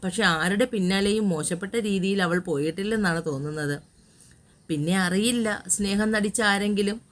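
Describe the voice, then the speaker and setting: A woman voicing a caring, protective older uncle who talks with gentle fatherly reassurance in an audio story. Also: medium pitch, a little fast, lightly acted. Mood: consoling.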